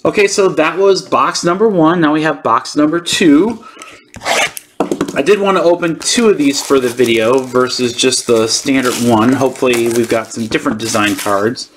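A man's voice: mid-range voice, normal speed, background noise. A man hosting a sports card channel, giving casual, informal unboxing commentary as he thinks aloud.

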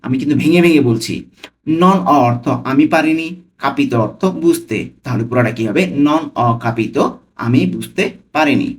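A man with a Bangladeshi Bengali accent giving a language lesson, breaking phrases into single words and repeating each one slowly. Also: mid-range voice, animated. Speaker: language teacher.

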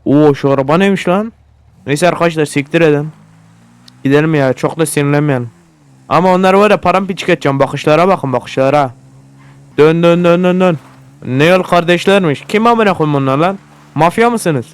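A man narrates his gameplay in loose, casual commentary, swearing freely and flaring into excitable shouts at whatever happens on screen. His voice sits a little high and stays smooth and clean throughout. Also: a little fast. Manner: profane, excitable, often yelling at the game. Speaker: gaming YouTuber.

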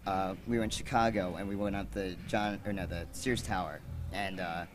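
Candid low-voiced man. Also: fairly even intonation, moderate pace, a little hiss or hum. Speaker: interviewee.

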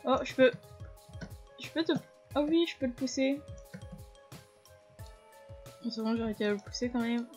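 A woman's voice: on the high side, normal speed, long pauses, a little mellow. Chatty woman explaining a game. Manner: chatty, explains controls to viewers, frequent fillers. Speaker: gaming video host. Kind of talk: casual gameplay commentary. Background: faint game music.

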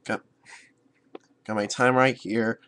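Teenage male, slow hesitant delivery, medium pitch, casual vlog, faint background noise. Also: little pitch movement, fairly bright tone. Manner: hesitant, halting. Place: room at home, indoors. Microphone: webcam at arm's length. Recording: faint noise and clicks, webcam audio.

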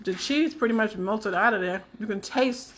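A woman's voice: medium pitch, moderate pace, noisy background. A woman co-hosting a home cooking stream from off camera, reading viewer comments aloud and teasing the cook. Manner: teasing, chatty. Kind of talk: casual live chat.

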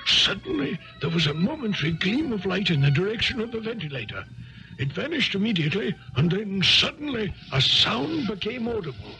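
An actor playing an earnest, slightly blustery gentleman doctor, a loyal companion who also narrates a 1970s radio drama. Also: sits high, very animated, a little fast, soft background music, heavily acted, poor audio. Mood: suspenseful.

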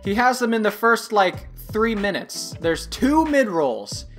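A woman's voice: mid-range voice, sing-song, measured pace, soft background music. A woman hosting a commentary video, talking in a sarcastic, mocking, exasperated way. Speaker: commentary youtuber host.

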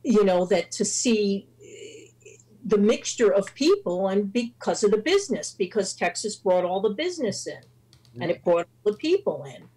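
A woman's voice: mid-range voice, big pitch swings, moderate pace, warm tone, breathy edge, rough recording. A middle-aged woman with a Brooklyn accent chatting casually on a video call. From Brooklyn, New York. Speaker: panelist on a live video chat show. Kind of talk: casual chat. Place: room at home. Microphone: tablet on a video call.

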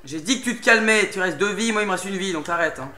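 A man's voice: high voice, quick pace, bright, forceful tone. A young man doing casual commentary while playing a game, getting worked up, pleading with and swearing at a boss. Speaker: let's play gamer. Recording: game music behind the voice.

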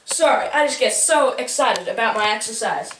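A young woman giving a comedic mock tour of a house, boasting deadpan with sudden yelps, filmed indoors on a home camera from a distance. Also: a little high, normal speed. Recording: echoey room, distant mic, noisy home video.

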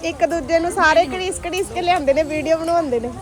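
A woman with a Punjabi accent chatting and exclaiming loudly like an animated aunty as she gives a casual running commentary for a vlog. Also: very high voice, fast. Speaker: vlogger filming a community kitchen. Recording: busy crowd, clattering dishes, outdoor noise. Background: crowd chatter and clattering pots.

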